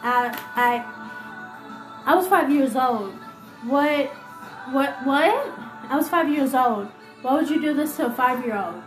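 A woman with a high voice tells a painful personal story, her delivery emotional and halting as she repeats herself. She sounds like she is in a roomy, echoing space, with soft music playing underneath. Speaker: podcast host. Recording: roomy echo with faint music.

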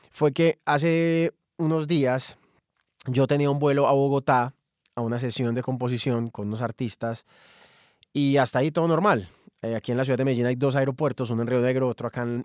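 A man, a songwriter telling a personal story in an animated monologue. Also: medium pitch, no room sound, studio quality.

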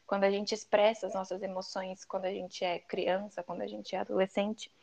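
A woman's voice: mid-range voice, level tone, fairly quick, gravelly, a little mellow. A Brazilian woman co-hosting a casual podcast, speaking in a reflective, personal way and repeating phrases for emphasis. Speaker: podcast co-host.

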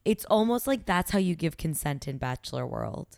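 A woman's voice: low-pitched, very animated, moderate pace, gravelly, a little mellow, no room sound. A young woman co-hosting a casual podcast, candid and opinionated, talking with lots of "like" fillers. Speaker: podcast co-host. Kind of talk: casual chat.

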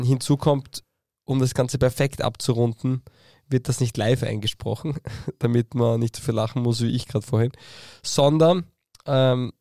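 A gravelly-voiced Austrian man co-hosts a podcast in easy, casual talk, often stopping with filler sounds. His voice sits at a middle pitch, and the dry close-mic sound has no room echo. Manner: relaxed, frequent filler sounds. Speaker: podcast co-host.

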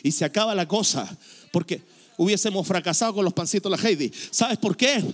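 A middle-aged pastor preaching a sermon emphatically, full of repetition and rhetorical questions. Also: male voice, sits high, a little fast.

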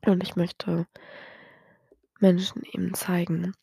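A young woman hosting a podcast, talking softly and partly whispering late at night, teary and hesitant with a dry throat. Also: lowish voice, completely flat delivery, takes it slowly, vocal fry, breathy edge, no echo. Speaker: podcast host. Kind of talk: personal late-night confessional monologue.

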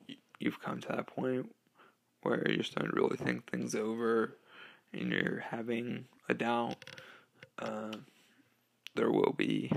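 A teenage boy hosts a casual solo podcast, speaking slowly in a gravelly, mid-range voice. He's hesitant, filling gaps with ums and uhs and laughing occasionally. The sound comes from a low-quality home microphone.

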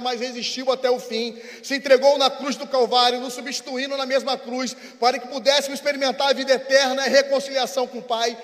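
A man with a Brazilian Portuguese accent preaching a sermon, repeating phrases and moving between fervent proclaiming and hushed, intimate passages. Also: very high-pitched. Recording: long reverb of a large hall.

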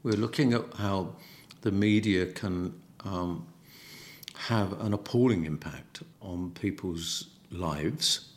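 Cockney man, halting and reflective. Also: deep voice. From East End of London. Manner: halting, repeats words while searching. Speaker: guest. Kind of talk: reflective interview talk.

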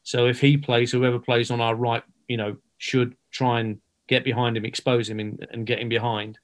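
A man giving a measured, analytical football preview with some ums. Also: mid-range voice, level tone. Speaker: football pundit. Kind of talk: casual match preview.

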